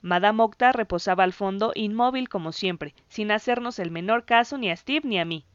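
A woman narrating a story in the first person, in an even, measured reading. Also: medium pitch, clear, resonant tone, no room sound, muffled recording. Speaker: audiobook narrator.

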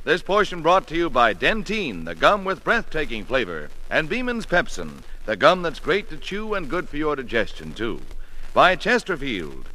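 Casting: male vintage radio announcer, fairly high bright voice, lively scripted sponsor reads. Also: moderate pace, rough recording.

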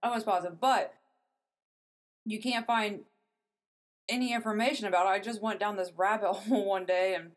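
A woman's voice: medium pitch, fairly even intonation, normal speed, long pauses. A young adult woman co-hosting a podcast, casually telling a story she looked up, swearing and laughing as she goes. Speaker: podcast co-host telling a true crime story.

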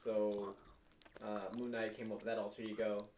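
A man's voice: on the low side, little pitch movement, normal speed, a little mellow, echoey room, a little hiss or hum. A man co-hosting a casual podcast, rambling with lots of fillers and swearing freely. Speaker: podcast co-host.

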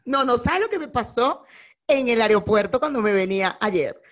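Venezuelan woman co-host, young, animated storyteller, slightly high voice. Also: moderate pace. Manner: animated storyteller who acts out the people in her anecdotes. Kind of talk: casual chat.

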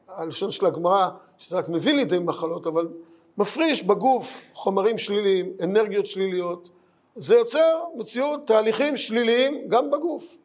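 A man's voice: high-pitched, darkish tone. A man giving a Talmud lesson in an earnest way, asking rhetorical questions and repeating his points. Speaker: Torah teacher.

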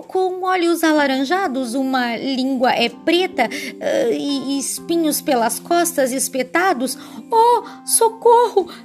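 A woman's voice: high-pitched, pitched above the performer's own voice. A woman voicing a small, clever, boastful male mouse in a children's storybook reading. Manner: quick-witted, proud storybook voice.

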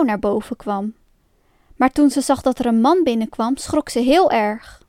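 A woman reading a fairy tale aloud as a storyteller, in a calm, clear storybook manner. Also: high-pitched, dry recording, studio quality.

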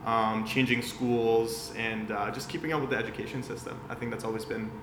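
A man's voice: medium pitch, steady tone, fairly quick, a bit bright. A man in his late twenties from Austria, a guest in a casual interview, chatty and laughing easily, with many fillers. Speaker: guest, agency founder. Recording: roomy echo with faint background hum.

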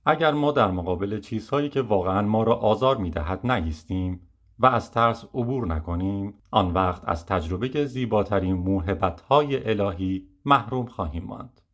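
A man narrating a first-person memoir audiobook in a measured, reflective way. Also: on the low side, animated.

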